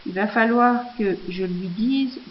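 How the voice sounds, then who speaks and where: Woman walking thru a software tutorial, lots of ums and restarts, kinda dull lo-fi sound with faint hiss. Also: medium pitch, measured pace. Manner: hesitant, many fillers and restarts.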